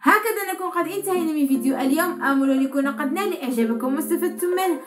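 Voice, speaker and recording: A young woman from Morocco teaching vocabulary, repeating each word slowly and clearly. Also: high-pitched. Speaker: Turkish language teacher. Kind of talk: vocabulary lesson with slow repetition. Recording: echoey room.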